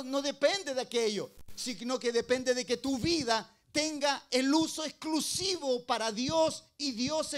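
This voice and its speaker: High-voiced pastor preaching a sermon. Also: male voice. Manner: preaching with rhetorical questions, swinging between loud emphasis and low asides.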